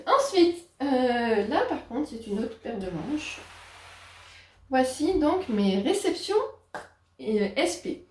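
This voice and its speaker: Woman, book vlogger, casual and hesitant, fairly high voice, roomy echoey recording. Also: big pitch swings, slight background noise. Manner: chatty, hesitant with frequent pauses. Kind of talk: casual book haul chat. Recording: roomy echo.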